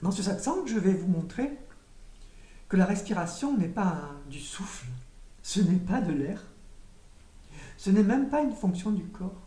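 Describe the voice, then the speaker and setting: A woman giving a spiritual teaching in a calm, measured, meditative way, with occasional hesitations. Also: medium pitch. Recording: roomy echo, voice from a distance.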